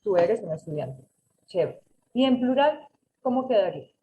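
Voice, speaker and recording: A woman's voice: mid-range voice, sing-song, normal speed, narrow, tinny audio. A woman teaching an English class over a video call, patiently correcting students and mixing with English. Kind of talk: online class instruction.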